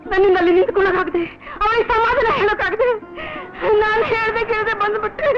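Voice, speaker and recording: A woman's voice: very high voice, moderate pace. An actress playing an anxious mother who laments tearfully over her son. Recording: dull old film soundtrack with music.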